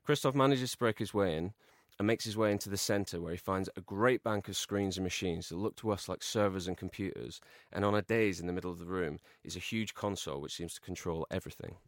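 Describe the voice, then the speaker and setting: Podcast guy reading out his silly movie pitch, deadpan, lowish voice, dry mic. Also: fast, hardly any pauses, no room sound. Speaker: podcast co-host. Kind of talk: reading out a comic film pitch.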